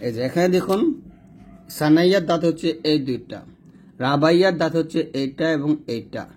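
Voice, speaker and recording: Pointing at a diagram, a man walks through Quran recitation step by step, carefully voicing each Arabic letter and describing how it's said. He speaks slightly high, with an expressive delivery and a somewhat dark tone.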